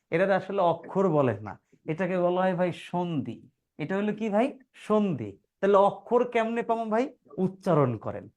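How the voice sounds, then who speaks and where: This high-voiced man teaches grammar to a class, repeatedly asking rhetorical questions. He calls his students "brother" and sounds out words one syllable at a time.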